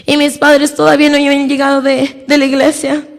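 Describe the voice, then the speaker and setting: High, gravelly woman giving church testimony. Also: completely flat delivery, in a large hall. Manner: slow and halting, with many repeated openings. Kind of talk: personal religious testimony.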